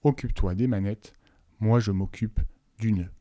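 A man voicing a brave, brisk schoolgirl. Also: lowish voice, warm tone, dry recording, studio quality, natural voice. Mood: firm. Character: determined teenage schoolgirl, quick and brave.

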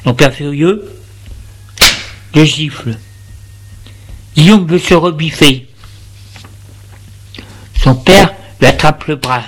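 Slow, deliberate male storyteller. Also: a little high. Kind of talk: dramatic story reading.

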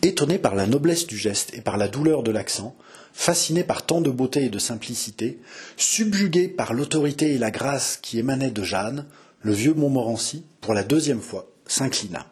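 Male audiobook narrator, measured expressive storytelling, mid-range voice. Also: mid-range voice, slightly rough.

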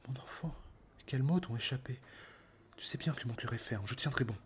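A man voicing a devoted old woman nurse in a raised, breathy, half-whispered voice. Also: mid-range voice, moderate pace, a little hiss or hum, pitched above the performer's own voice, close to an everyday voice. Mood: tearful.

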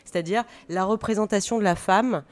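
A woman's voice: medium pitch, brisk. A woman speaking conversationally as a radio panel guest, often searching for her words. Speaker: guest, stage director and drama teacher.

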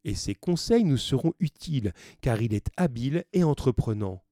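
A man's voice: medium pitch, animated, moderate pace, mellow, no echo, clean studio sound, pitched above the performer's own voice, natural voice. A man reading the part of a sturdy sea captain of about sixty, hearty and commanding.

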